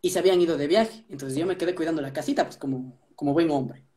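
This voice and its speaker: A man with an Ecuadorian accent, telling stories in an animated casual chat, restarting his sentences often. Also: on the high side, fast talker, over a noisy crowd. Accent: Ecuadorian Spanish. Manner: animated storytelling, many restarts.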